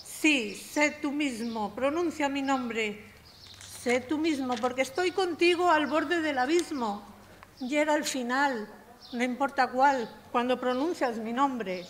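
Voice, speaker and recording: A woman's voice: high-pitched, slow pace. A woman, a poet, reciting her short poem with a rap-like rhythm. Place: municipal auditorium. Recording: reverberant hall with faint noise.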